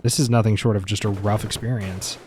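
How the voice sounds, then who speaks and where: A man's voice: on the low side, steady tone, a little fast, a little mellow, a little hiss or hum. Man doing chatty gameplay commentary. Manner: chatty, opinionated, mildly exasperated. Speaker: gaming content creator. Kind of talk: casual gameplay benchmark commentary.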